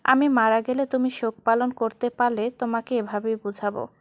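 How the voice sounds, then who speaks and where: Woman voicing a young man, stern, teasing, tender, storybook romance, fairly high voice. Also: steady tone, normal speed, dry recording, lightly acted. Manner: scolding then tender, mixes English words.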